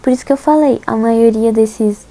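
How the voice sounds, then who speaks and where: A woman's voice: a little high, normal speed, mellow, poor audio. A young woman from Brazil casually walking viewers through lesson slides, chatty and a bit hesitant, with frequent fillers and giggles. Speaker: host teaching Korean alphabet.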